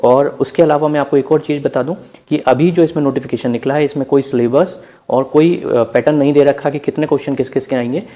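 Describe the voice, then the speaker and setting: This man, an exam-prep presenter with an Indian accent, talks through on-screen slides in an informal explainer, treating listeners as friends and using English terms here and there. His mid-range voice is mellow and steady, with a fairly quick pace.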